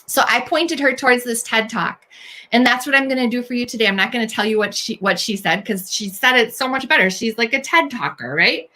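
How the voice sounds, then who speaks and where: A woman's voice: a little high, a little fast, bright, forceful tone. A woman hosting a faith-based encouragement talk for women, speaking earnestly and straight to the listener as she reassures them. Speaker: host.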